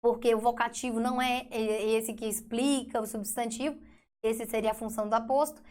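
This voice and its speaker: A woman's voice: a little high, steady tone, normal speed, darkish tone. A Brazilian woman teaching an exam review lesson in a chatty way, asking and answering her own questions.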